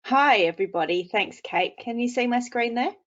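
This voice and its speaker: A woman giving a brisk, casual presentation, heard through screen-recorded video call audio from a computer mic. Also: a little high, expressive, a bit bright, lo-fi sound. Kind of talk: webinar presentation. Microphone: computer mic, no headphones.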